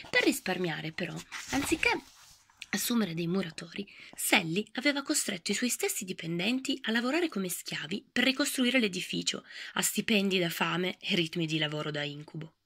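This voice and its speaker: A woman reading a children's book aloud in a lively storytelling voice that often drops to a whisper. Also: fairly low pitch.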